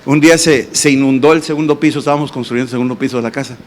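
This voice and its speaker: A man, a pastor, preaching a sermon and telling personal testimonies in an animated way with acted voices and sound effects. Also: medium pitch, rapid-fire, slight background noise. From Mexico. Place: church congress hall.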